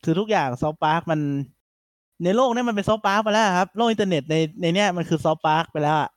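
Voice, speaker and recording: A man hosting a casual podcast chat, retelling things in an animated way with lots of fillers. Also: high voice, a little fast, dry recording, studio quality. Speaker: podcast host.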